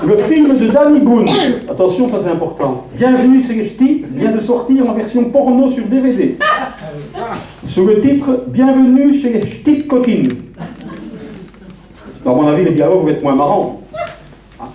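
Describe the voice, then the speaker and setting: High-voiced male comedian, echoey hall. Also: animated, moderate pace, long pauses, dark tone, dull audio. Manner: chatty, punctuates with "hein", drops into low asides and parody singing. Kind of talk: stand-up comedy with song parodies. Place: theatre stage. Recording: distant live stage recording in a very echoey hall. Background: audience laughter.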